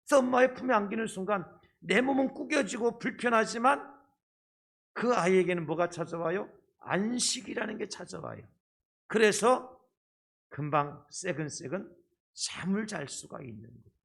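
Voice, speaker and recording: A male pastor delivers a sermon with his voice coming through a face mask. It sits a little high for a man. He explains patiently to the congregation, checking in with short rhetorical questions. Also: creaky, a bit bright. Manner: speaking through a face mask, slightly muffled. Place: church service.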